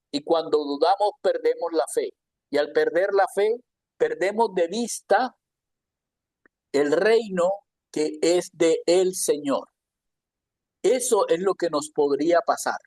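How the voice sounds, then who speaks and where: A man's voice: a little high, a little mellow, no room sound. A man teaching a Bible lesson in a conversational sermon style, often asking his listeners questions. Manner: conversational, asks the audience questions.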